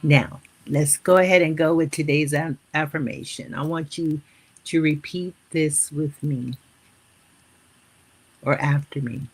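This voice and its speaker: A woman in her fifties or older hosts a live motivational stream, calling her viewers family. Her low-pitched, steady voice is slightly rough, and she leads them slowly and repetitively through affirmations.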